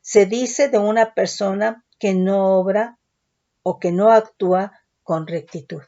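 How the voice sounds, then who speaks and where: A woman's voice: mid-range voice, steady tone, takes it slowly, dark tone. A woman teaching a Bible study, explaining word meanings step by step and often checking in with her listeners. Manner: explains words step by step, asks "¿sí?" and "¿verdad?" often. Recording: dull lo-fi recording.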